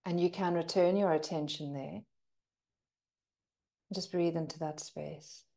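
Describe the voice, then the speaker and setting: Leading a guided breathing meditation, a woman speaks softly and soothingly, drawing out her pauses. Her voice is on the low side, her intonation fairly even, with some vocal fry.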